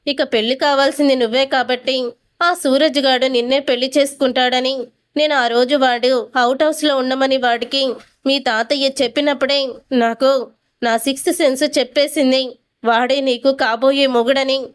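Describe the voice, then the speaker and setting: A woman voicing a scheming, sharp-tongued old grandmother who needles her granddaughter. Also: high voice, fairly even intonation, normal speed, smooth, natural voice. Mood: taunting. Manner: mocking, needling.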